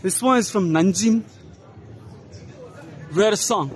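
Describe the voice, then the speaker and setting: A man casually narrating a walking tour of a trade expo, unhurried, spelling out brand names letter by letter as he walks. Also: high voice. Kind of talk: casual walk-and-talk narration. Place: large indoor trade expo hall.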